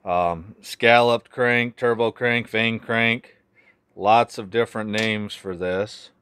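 A man with a lowish, slightly bright voice talks slowly and fairly evenly as a chainsaw mechanic and video host, tossing off short, casual phrases during a hands-on demo at an indoor workshop bench. The recording is clear, with background noise and the click of tools being handled.

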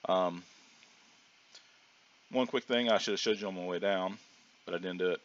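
At a moderate pace, a middle-aged man walks viewers through his game in relaxed, rambling commentary for his gaming channel, stumbling through ums and half-started sentences. His low voice is hoarse from a cold and sinus trouble. The audio comes across dull and lo-fi, like a cheap home mic.

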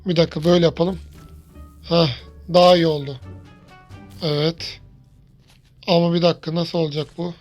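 A man giving lively let's-play commentary, chatting to his viewers and yelling when something startles him. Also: on the high side, normal speed, pauses often, soft background music. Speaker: gaming YouTuber.

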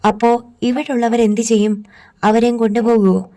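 A woman's voice: fairly high pitch, little pitch movement, moderate pace, mellow, close to an everyday voice. Woman voicing a stubborn young granddaughter. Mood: firm.

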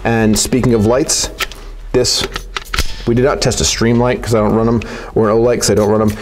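A man's voice: fairly low pitch, a little fast, noisy background. A man hosting a casual, joking product review of gun parts. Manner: relaxed, joking, chatty.

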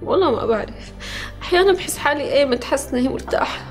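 A woman's voice: sits high, lively intonation, rapid-fire, echoey room, faint music behind. An actress playing a troubled young woman with a Syrian accent, asking anxious, pleading questions. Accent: Syrian Arabic. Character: troubled young woman fearing for her helpers. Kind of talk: TV period drama acting.

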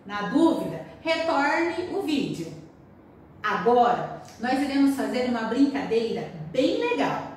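Brazilian teacher lady reading out a kids lesson real slow, voice goes up and down a lot, roomy sound from away from the mic. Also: fairly high pitch, big pitch swings, slight background noise. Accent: Brazilian Portuguese. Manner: slow, clearly spelled-out instructions. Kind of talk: recorded classroom lesson for children. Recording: roomy distant home recording.

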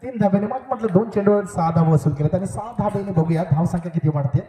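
Male match announcer, higher register, booming through an echoing outdoor PA over a lively crowd. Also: racing. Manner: jokey, repeatedly pleads with the crowd to cooperate. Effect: over an outdoor loudspeaker. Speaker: match commentator. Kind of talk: live local cricket commentary. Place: outdoor village cricket ground. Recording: echoey outdoor loudspeaker with crowd. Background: crowd at the ground.

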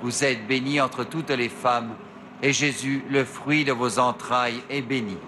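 A middle-aged male priest leading the rosary at an outdoor grotto shrine, reciting prayers slowly into a lectern mic. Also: medium pitch, steady tone, background noise. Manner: slow measured prayer recitation. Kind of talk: slow recited prayer and meditation. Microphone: stand mic at a lectern.

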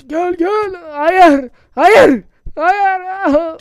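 A man's voice: very high voice, extremely slow, dry recording, studio quality. A man doing casual, chatty gameplay commentary for his channel, muttering to himself and swearing often. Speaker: gaming YouTuber.

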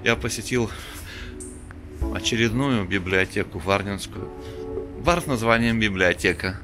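A middle-aged man giving a chatty, unhurried walking tour of city streets at night, coughing now and then, filmed on a handheld camera. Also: fairly low pitch, over music. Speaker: vlogger. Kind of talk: casual walking tour commentary.

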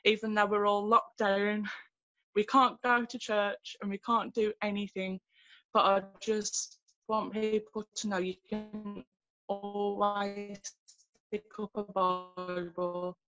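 A woman tells her faith story over a webcam call from a small room at home. She speaks earnestly but haltingly, restarting often, with a flat and even tone in a dry, close sound. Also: mid-range voice, no echo, dull audio, soft background music. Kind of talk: personal testimony in a video call. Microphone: laptop webcam on a video call.

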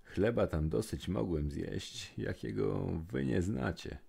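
A man voicing a cheerful, bold young male hobbit in a rhymed storybook poem, with a very deep, gravelly voice. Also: lively intonation, slow, dark tone, exaggerated voice. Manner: rhythmic verse delivery.

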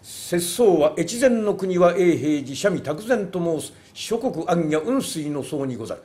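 A man's voice: on the high side, very animated, dark tone. Man doing a stiff, pompous wandering monk. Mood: solemn. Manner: slow, stiff and archaic. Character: pompous wandering male Zen monk, formal. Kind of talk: rakugo storytelling.

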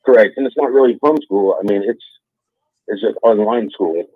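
A man's voice: fairly low pitch, a little fast, slightly rough, dry recording. A man speaking over the phone as a caller, firmly explaining his side. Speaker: caller on a call-in show. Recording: tinny phone line.

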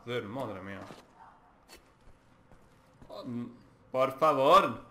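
A man with a Spain Spanish accent giving excitable gameplay commentary, swearing often and talking to himself. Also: mid-range voice, very slow, heavy background noise. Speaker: let's play host.

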